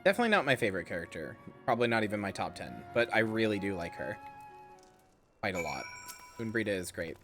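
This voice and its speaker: A man giving casual live stream commentary on a game, chatty and expressive as he talks to viewers. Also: fairly low pitch, fast talker, soft background music.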